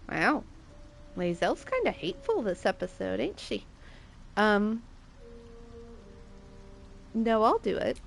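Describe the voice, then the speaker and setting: A woman's voice: mid-range voice, sing-song, takes it slowly, gravelly, long pauses, slight background noise. A woman streamer giving casual, playful commentary while playing a game. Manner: chatty, playful asides.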